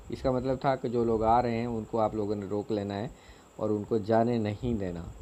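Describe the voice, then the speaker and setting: A man teaching a grammar lesson, explaining slowly with many fillers and repeated phrases. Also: medium pitch, darkish tone.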